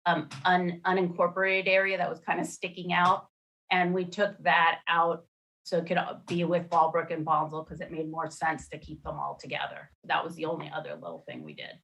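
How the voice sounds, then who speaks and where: A woman commissioner explaining a map proposal at a public meeting over a video call, halting with many fillers and restarts. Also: low-pitched, creaky, fairly bright tone, poor audio. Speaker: redistricting commissioner.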